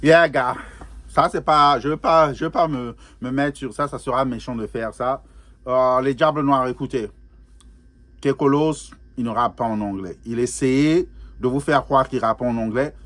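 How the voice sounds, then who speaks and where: Laughing often, a man gives casual spoken commentary while hosting a music reaction video, chatty, prone to repeating himself and dropping in English words. He has a mid-range, fairly bright voice and talks at a normal speed.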